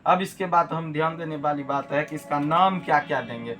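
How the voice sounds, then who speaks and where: A man's voice: on the high side, a little fast, fairly bright tone. A man teaching a math lesson, repeating key terms and asking rhetorical check questions. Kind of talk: classroom lesson.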